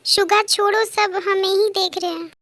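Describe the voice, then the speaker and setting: A woman's voice: extremely high pitch, steady tone, normal speed, fairly bright tone, no room sound, clean studio sound. A woman plays a stubborn, touchy teenage girl who speaks huffily. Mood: huffy. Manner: huffy.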